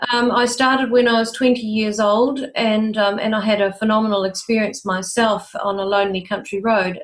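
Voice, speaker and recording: An older woman with a New Zealand accent and a voice of middling pitch answers interview questions. She speaks in a measured, informative way and pauses on frequent ums. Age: 60s. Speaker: guest, UFO researcher.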